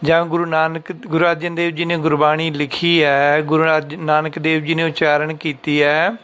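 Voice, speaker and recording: A man teaching how to read and understand scripture, patiently repeating lines and chanting them slowly to show the pauses. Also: fairly high pitch, monotone, fairly bright tone, smooth. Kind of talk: explanatory religious lesson.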